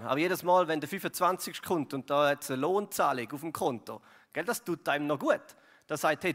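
A pastor with a Swiss German accent gives a conversational sermon, filling it with fillers and tag questions such as "gell" and "oder." His voice sits on the high side and is a bit bright, with long hall reverb around it.

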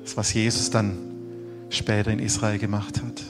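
A man preaching a sermon earnestly, rising for emphasis and dropping to hushed, dramatic lines. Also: lowish voice, level tone, moderate pace, in a large hall, over loud music. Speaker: pastor.

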